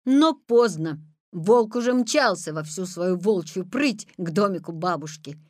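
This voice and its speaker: A woman reading a children's story aloud, expressive and varied. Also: lowish voice, unhurried, no room sound, clean studio sound.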